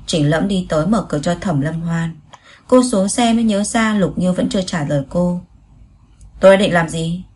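Woman narrating a novel, slightly low. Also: a little fast, a little mellow. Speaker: audiobook narrator.

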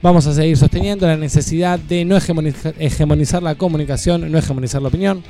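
Joking Argentine radio host, mellow voice. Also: male voice, a little high, fast talker, faint music behind. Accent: Argentine Spanish. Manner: joking, blunt, teasing. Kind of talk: casual radio banter.

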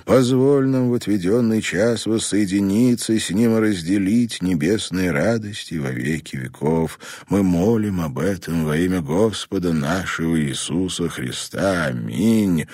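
A man voicing a priest who slowly intones funeral prayers. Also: deep voice, a little mellow, no room sound, clean studio sound. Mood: intoning. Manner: slow, intoning. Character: solemn priest reading a burial prayer.

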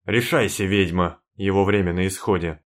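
A man's voice: sits low, normal speed, natural voice. A man voicing a menacing young man who barks his demands harshly. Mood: demanding. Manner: harsh, barking, sour.

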